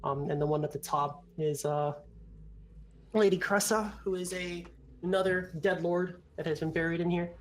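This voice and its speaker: A man improvising descriptive narration as game master of a tabletop game, halting and conversational. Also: high-pitched, fairly even intonation. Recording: background noise.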